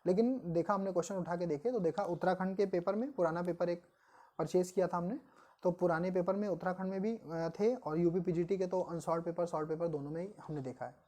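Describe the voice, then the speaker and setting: Low-voiced Hindi biology coaching teacher. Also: female voice, mellow. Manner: explains patiently, asks the class questions and answers them herself; reads English definitions slowly, then explains them. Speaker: biology exam-prep teacher. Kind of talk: online coaching lecture in Hindi mixed with English terms.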